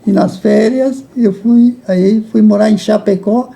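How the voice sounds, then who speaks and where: A man, a guest recalling his youth in a halting way that repeats words, with frequent chuckles. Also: sits high, fairly even intonation, creaky, dark tone. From Rio Grande do Sul, Brazil. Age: 80s. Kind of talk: reminiscing in a casual interview.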